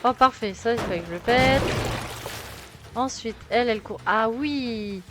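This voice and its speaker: Streaming a game, a young Frenchwoman with a French accent talks at a normal speed in a fairly high voice. She chats casually, mutters to herself and pokes fun at herself as she plays, while game music runs in the noisy background.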